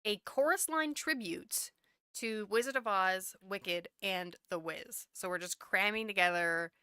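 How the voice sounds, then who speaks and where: A woman hosting a casual recap podcast, chatty and quick to laugh. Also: mid-range voice, bright, forceful tone, clean tone, dry recording, clean studio sound. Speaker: podcast host.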